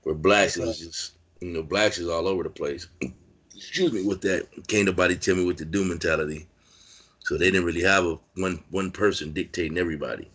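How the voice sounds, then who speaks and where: Deep-voiced man telling prison stories. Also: fairly even intonation, brisk, fairly bright tone, husky. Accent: Californian. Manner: rambling, filler-heavy street talk. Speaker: interview guest, former prisoner. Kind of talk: casual storytelling interview.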